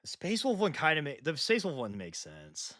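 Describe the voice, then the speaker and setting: Casual male streamer, higher voice, painting and joking, laughs a lot, bursts into loud jokes. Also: wildly swooping pitch, normal speed, no echo, clean studio sound. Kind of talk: casual chat while painting miniatures. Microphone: home streaming mic.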